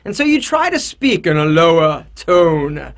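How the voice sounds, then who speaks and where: A comic macho male voice, put on by a man. The register is deliberately dropped low, as if forcing manliness. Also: sing-song, a bit bright, full character voice. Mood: mock macho.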